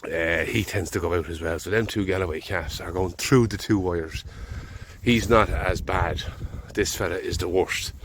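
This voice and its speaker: A low-pitched Irish farmer talks at a moderate pace in casual vlog narration from a field, with a little hiss or hum on the recording. Head cold and all, he rambles in a relaxed way, thinking aloud.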